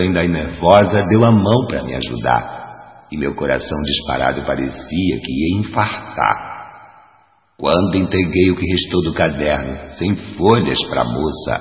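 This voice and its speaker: Deep-voiced Rio man reciting rhymed tales. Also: a little slow. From Rio de Janeiro, Brazil. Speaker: storyteller. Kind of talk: rhymed storytelling narration. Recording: dull echoey recording with long reverb.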